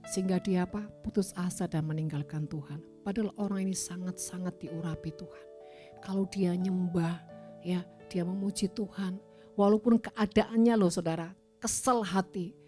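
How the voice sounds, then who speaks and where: A woman evangelist preaching a sermon, moving between hushed, whispered storytelling and loud, emphatic exhortation. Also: fairly low pitch, fairly even intonation, moderate pace, soft background music.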